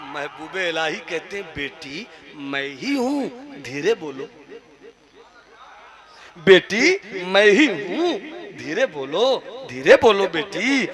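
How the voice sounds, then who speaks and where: A man voicing a gentle elderly saint who speaks in a hushed, kindly way within a sermon story. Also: high voice, animated, measured pace, hardly any pauses, crowd noise. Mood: hushing. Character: gentle elderly male saint hushing a woman.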